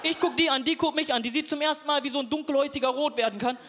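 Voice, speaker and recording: High-voiced self-mocking stand-up comedian. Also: male voice, fairly even intonation, very fast, pushed and bright. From Duisburg, Germany. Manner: rambling, self-mocking, chatting with the audience. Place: stage before a live audience. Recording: live show with audience and noise.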